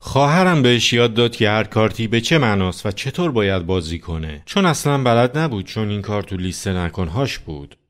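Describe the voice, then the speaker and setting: A man's voice: fairly low pitch, lively intonation, few pauses. A man preaching a sermon as a pastor, talking conversationally and putting many rhetorical questions to his listeners.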